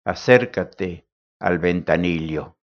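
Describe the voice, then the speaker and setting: A man's voice: sits low, slow pace. A man voicing a devoted, frail old male servant who speaks solemnly and formally. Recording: dull lo-fi recording.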